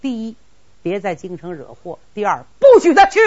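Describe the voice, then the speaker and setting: A woman voicing a stern elderly emperor giving commands in a lowered tone, on a dull lo-fi recording. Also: sing-song, normal speed, darkish tone.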